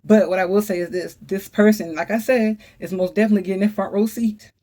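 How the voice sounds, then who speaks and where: A woman's voice: medium pitch, fairly even intonation, fast, mellow. A woman doing a casual tarot reading for her viewers, with a mid-range voice. She talks in a chatty, emphatic way, speaks straight to the camera audience and keeps exclaiming as she goes. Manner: talks straight to viewers, calls on the Holy Spirit. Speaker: tarot reader.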